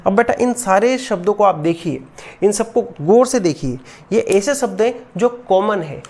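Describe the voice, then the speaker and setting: A woman's voice: mid-range voice, animated, a little mellow. Patient woman teaching grammar. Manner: keeps asking rhetorical questions, calls students "beta"; patient, slow repetition of each rule. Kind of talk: classroom grammar lesson.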